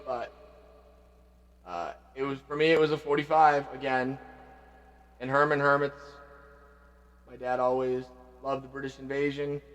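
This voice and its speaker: A man hosting a vlog, reminiscing casually and reflectively, often trailing off quietly. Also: medium pitch, long reverb tail. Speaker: vlog host paying tribute to his father. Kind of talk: casual spoken reminiscing between songs.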